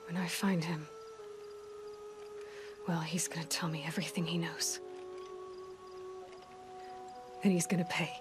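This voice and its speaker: An actress voices a grieving but resolute young outcast hunter in a video game, speaking a naturalistic, intimate monologue in a soft, breathy, naturally low female voice. Her mood is grim and determined, and she delivers short, hushed, halting reflective phrases. Game music plays behind her voice.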